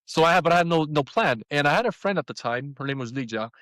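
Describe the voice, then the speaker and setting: A man in his fifties telling a personal story as a podcast guest, animated and acting out the people he quotes. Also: a little high, fast, dry recording, low-quality recording. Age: 50s.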